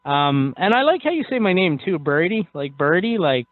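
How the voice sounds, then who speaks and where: A man's voice: high voice, very animated, dry recording. A man hosting a radio talk show, chatting casually and joking around. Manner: jokey, quick, chatty. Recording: dry, tinny phone-like sound.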